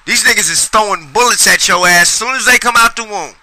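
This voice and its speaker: Middle-aged male podcast host, high bright voice, rambling profane solo rant. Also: fast talker, rough recording. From Sacramento, US. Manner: profane, rambling, emphatic with repetitions.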